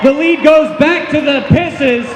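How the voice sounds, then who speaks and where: A man giving live sports commentary as an announcer, projecting loudly and emphatically. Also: very high voice, measured pace, noisy background. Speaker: roller derby announcer. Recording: very echoey hall, loud music and crowd.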